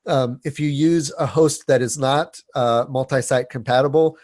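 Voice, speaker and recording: Here a man delivers a webinar while suffering from a cold, sounding stuffy and sniffly as he talks casually, with heavy filler use, frequent restarts, and repeated words. His mid-range, slightly mellow voice keeps fairly even intonation at a moderate pace, in clean studio sound with no room sound.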